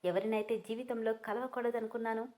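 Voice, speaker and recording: A heartbroken young woman shouts through tears in a storybook reading, voiced by a woman narrator. Her voice rises high and loud with hurt and fury, and she cries out sharply. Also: flat delivery, a little fast, lightly acted. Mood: angry tearful. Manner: tearful, high-pitched shouting. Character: young woman, distraught and furious at betrayal.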